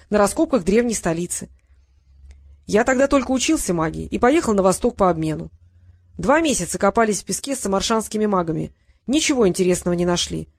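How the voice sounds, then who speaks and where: A woman reading the part of a calm, unflappable old male wizard who lectures his pupil. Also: medium pitch, dry recording, studio quality. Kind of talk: audiobook character reading.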